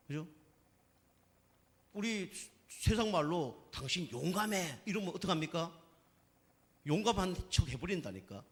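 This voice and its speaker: A man preaching a Sunday sermon in a church where the sound rings on with a long reverb. His voice sits fairly high and rises and falls in lively swings. He tells folksy stories and keeps asking the congregation for agreement. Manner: folksy, storytelling, asks the congregation for agreement again and again. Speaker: pastor. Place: church sanctuary.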